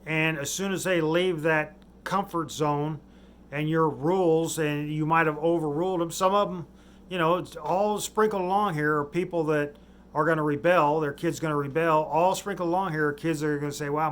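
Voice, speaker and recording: A man rambles through a monologue, his voice sitting slightly high. He stops and restarts his sentences and lets his words trail off into mumbles. Faint background ambience runs under him. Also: moderate pace, a bit bright, slight background noise. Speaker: vlogger.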